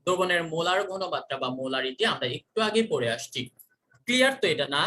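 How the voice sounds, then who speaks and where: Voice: medium pitch, lively intonation, quick pace, sharp tone. A chemistry teacher gives an online class. The teacher repeats each question and quizzes the students.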